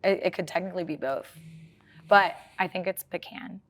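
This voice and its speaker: A young woman from Maryland answering a rapid-fire interview in a bubbly, giggly way, often hunting for words. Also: lowish voice, fairly even intonation, a bit bright. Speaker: guest, apparel business owner.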